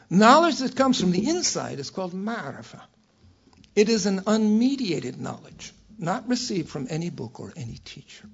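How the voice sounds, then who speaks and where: An older man giving a scholarly lecture from a prepared text, in a measured, erudite professorial manner with a raspy voice. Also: high-pitched, muffled recording. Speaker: academic lecturer.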